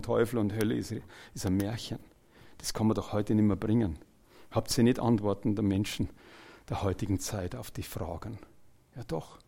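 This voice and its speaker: Gravelly preacher, loud then hushed. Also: male voice, on the low side. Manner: swings between loud exclamations and quiet, earnest asides; jokes with the congregation and retells scripture in everyday terms. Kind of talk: evangelical sermon.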